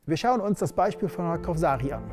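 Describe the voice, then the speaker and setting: A middle-aged man presenting as an education expert to camera in a studio, measured and explanatory, stressing key words. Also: fairly high pitch, expressive, music in the background.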